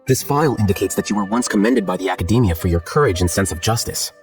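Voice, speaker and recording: An actor playing a calm, composed, aloof young scholar in a video game, speaking in a measured, matter-of-fact, articulate way. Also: male voice, on the low side, faint music behind, lightly acted. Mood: calm, detached. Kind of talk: scripted video game dialogue.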